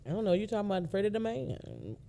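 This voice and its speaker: A man co-hosting a casual chat, reacting quickly and laughing often. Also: high-pitched, wildly swooping pitch, gravelly, dark tone.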